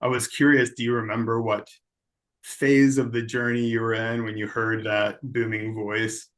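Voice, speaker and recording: Male psychologist guest, middle-aged, flat delivery, measured and thoughtful. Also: medium pitch. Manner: measured, thoughtful, with hedging fillers. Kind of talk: interview answers.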